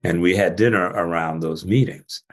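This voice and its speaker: An older male physician telling stories in a relaxed interview, laughing often as he talks. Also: low voice, moderate pace. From Jamaican family, trained in Atlanta. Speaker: physician guest. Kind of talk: casual interview talk.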